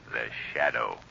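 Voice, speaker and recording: A sinister phantom crime-fighter, with a piercingly bright, forceful voice. He speaks in ominous, measured, theatrical phrases, as in vintage radio drama. The recording is lo-fi and faintly noisy. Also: extremely low pitch, creaky, full character voice. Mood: menacing. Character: sinister invisible male vigilante, menacing and unflappable. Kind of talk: 1930s radio drama acting.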